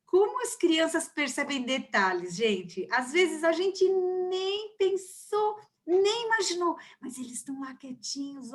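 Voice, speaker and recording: Chatty woman talking from her bedroom. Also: high-pitched. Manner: chatty, tells anecdotes. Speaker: teacher. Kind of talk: casual online class talk.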